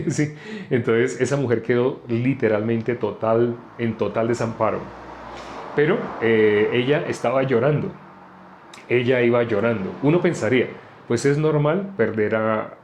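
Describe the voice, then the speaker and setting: A man's voice: medium pitch, a little mellow, a little hiss or hum. Guy preaching, chatty, keeps asking the folks listening stuff, normal mid voice. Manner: conversational, asks the listeners questions. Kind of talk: informal sermon on a live stream.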